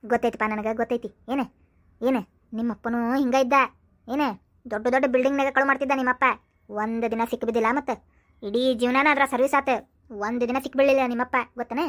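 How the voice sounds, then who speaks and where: Brief: a woman playing a chatty cartoon village mom, proud of her thieving sons, high-pitched. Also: fairly even intonation, quick pace, natural voice. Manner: chatty, rambling, prodding with "aa?". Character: fussy middle-aged mother of thieving sons. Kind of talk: cartoon voice acting.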